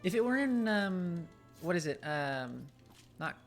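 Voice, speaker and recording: A streamer with a mid-pitched voice talks through a game session in a loose, rambling way. The speech is full of hesitations and small laughs, with faint game music underneath. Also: measured pace. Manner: relaxed, rambling, lots of ums and laughs. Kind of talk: casual chat while gaming.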